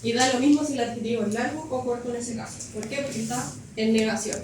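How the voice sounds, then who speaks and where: Woman, high voice, patient classroom teacher, heard from afar in a noisy room. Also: fairly even intonation, quick pace. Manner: patient, checks understanding with frequent questions. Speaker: English teacher. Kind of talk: classroom grammar explanation. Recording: echoey classroom from far off, noisy.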